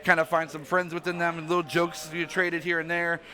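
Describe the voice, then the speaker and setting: A man's voice: fairly high pitch, completely flat delivery, bright, forceful tone. A man casting an esports event at a studio desk, joking and bantering playfully with his co-caster. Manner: joking, playful, quick asides. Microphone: desk microphone.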